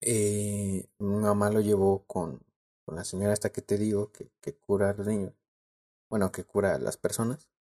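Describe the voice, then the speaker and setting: A young man with a Mexican Spanish accent tells a story as a podcast co-host. His voice sits low, with a dark, mellow tone. He talks in slang and laughs often. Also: fairly even intonation, normal speed. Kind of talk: casual chat.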